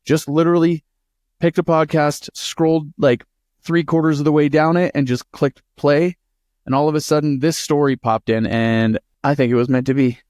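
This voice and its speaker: A man co-hosting a podcast, telling a true-crime story in a casual, animated and profane way. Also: a little high, moderate pace, dry recording, studio quality. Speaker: podcast co-host.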